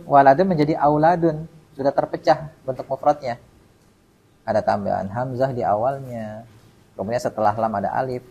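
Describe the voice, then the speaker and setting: A mid-range male voice with vocal fry, a little mellow and with a breathy edge, leads Arabic grammar drills at a mosque study session. In this call-and-response lecture he quizzes students by name and leaves words incomplete for the class, captured in low-quality audio.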